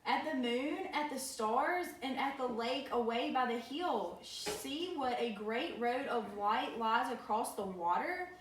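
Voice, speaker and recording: Woman playing a theatrical, high-pitched dreamy little girl. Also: lively intonation, slow, few pauses. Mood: dreamy wonder. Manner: theatrical, exclaiming, emphatic. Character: dreamy, delighted little girl, loving daughter. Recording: roomy, distant mic, faint noise.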